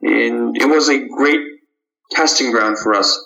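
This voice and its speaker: Guest founder, male, from Kazakhstan; unhurried, halting delivery; muffled lo-fi audio. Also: medium pitch, gravelly, bright, forceful tone. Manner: halting, measured, frequent restarts. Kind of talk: podcast interview answers.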